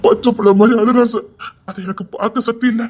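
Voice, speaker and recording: Man playing a desperate elder brother, begging and repetitive, highish voice, Tirunelveli Tamil accent. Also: steady tone, fast, darkish tone. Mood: pleading.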